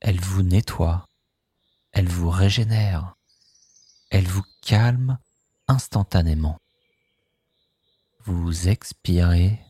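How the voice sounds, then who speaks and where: A man guiding a sleep hypnosis session, speaking in a slow, soothing, hushed way. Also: sits low, husky, dry recording.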